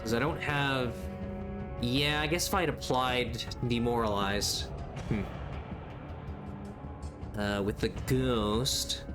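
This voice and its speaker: A man's voice: mid-range voice, fairly even intonation, slow pace, long pauses. A man hosting a gaming video, thinking aloud in casual, hesitant commentary as he plays. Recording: game music behind the voice.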